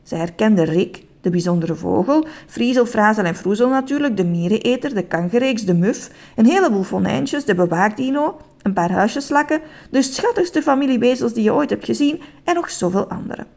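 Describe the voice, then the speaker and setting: A woman reading a children's bedtime story. Her voice is fairly high, with a marked creaky rasp, and she lingers over each item she describes. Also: animated, normal speed, hardly any pauses, a little mellow. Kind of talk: children's story read aloud.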